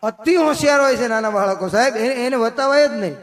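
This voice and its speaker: A man performing folk comedy on stage. He tells jokes as dialogues and drops lower and softer for his own replies. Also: fast talker. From Gujarat, India. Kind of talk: live folk comedy storytelling. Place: outdoor festival stage.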